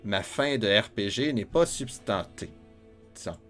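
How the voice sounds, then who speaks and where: A man with a lowish, expressive voice and a Quebec French accent speaks at a measured pace over soft background music. As a gamer, he gives chatty, joking let's play commentary, talking to himself while he plays.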